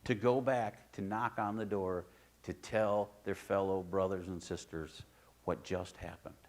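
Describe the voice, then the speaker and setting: A male pastor giving a sermon in his own church, talking to the congregation like a conversation. He pushes some phrases out loud and high, then drops to near-quiet asides. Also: fairly even intonation, a little slow. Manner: conversational preaching, swings between loud emphasis and quiet asides.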